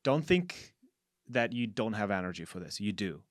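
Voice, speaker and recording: Man, forties, low dry voice, casual co-host, many fillers. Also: sing-song, dry recording. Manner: halting, many fillers and restarts. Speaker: podcast co-host. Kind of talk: casual conversation.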